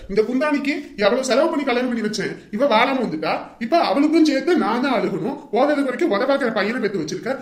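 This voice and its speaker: A woman's voice: fairly high pitch, natural voice. A woman acting as a defiant newly married son in a comedy skit, talking bluntly and making threats. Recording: roomy echo.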